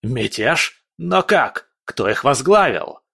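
A man voicing a furious, panicking prince who yells indignant outbursts in a dry recording. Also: medium pitch, big pitch swings, slow, gravelly, breathy edge, no echo, heavily acted.

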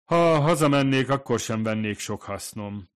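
A man voicing a breezy woman who talks in an offhand, brisk way. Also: medium pitch, animated, clean tone, voice pushed up, natural voice.

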